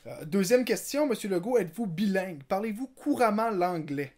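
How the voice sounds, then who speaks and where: A man, a comedian, asking mock-formal interview questions in a scripted comedy sketch, deadpan, with a Quebec French accent. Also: sits high, normal speed.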